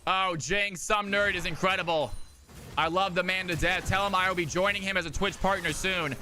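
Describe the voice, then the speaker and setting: Male esports caster: high, very bright voice, nose completely stuffed up, sore throat, excitable live commentary. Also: normal speed, faint music behind. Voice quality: nasal, congested, blocked-nose sound. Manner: excitable play-by-play. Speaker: esports shoutcaster, streamer. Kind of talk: live game commentary with chat to viewers.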